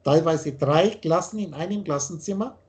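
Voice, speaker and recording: A man's voice: on the high side, moderate pace, a little mellow. An older man from Austria, lecturing at length as a spiritual teacher over a video call, rambling and insistent, often restarting his sentences.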